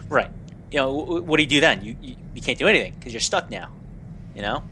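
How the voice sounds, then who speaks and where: A man's voice: medium pitch, lively intonation, quick pace, pushed and bright, slight background noise. A man chatting on a casual gaming podcast, hesitant and rambling, with many "you know"s and restarts.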